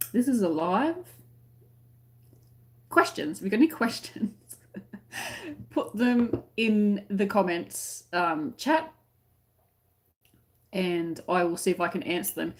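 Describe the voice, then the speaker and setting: A woman with an Australian accent chatting casually to live-stream viewers in a rambling, conversational way, often trailing off mid-thought. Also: medium pitch. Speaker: crochet tutorial live-stream host.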